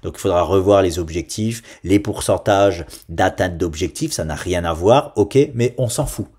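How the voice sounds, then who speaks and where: A man from France hosting an investing channel, giving casual, animated market commentary and talking straight to his viewers. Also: deep voice, moderate pace, breathy edge. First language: French. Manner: animated, ranting, direct address to viewers.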